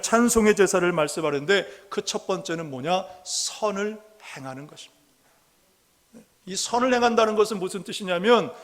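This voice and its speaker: A man preaching a Sunday sermon as pastor, earnest, asking rhetorical questions and slowing down to read scripture aloud. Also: high-pitched, fairly bright tone. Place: church sanctuary. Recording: long reverb of a church hall.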